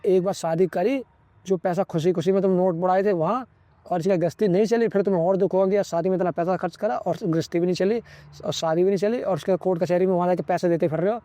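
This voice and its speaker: High-voiced man lecturing bluntly. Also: warm tone, no echo. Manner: preachy, lecturing, constantly says "ठीक है". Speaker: vlogger. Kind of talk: opinionated advice monologue.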